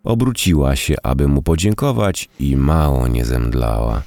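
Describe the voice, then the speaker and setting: A man narrating a historical novel in an expressive, measured storytelling manner. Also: a bass voice, dry recording, soft background music. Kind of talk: audiobook narration.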